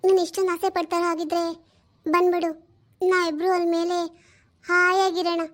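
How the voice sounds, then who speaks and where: A woman voicing the gentle, sorrowful ghost of a dead wife who speaks unseen, pleading slowly and tenderly. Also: very high-pitched, little pitch movement. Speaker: spirit speaking unseen to her husband.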